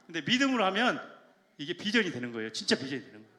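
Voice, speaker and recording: Man, church elder, high lively voice, very bright, shouting rally chants, echoey church hall. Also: racing. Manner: energetic, joking, shouts call-and-response chants. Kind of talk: lively rally talk to a congregation. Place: large church sanctuary.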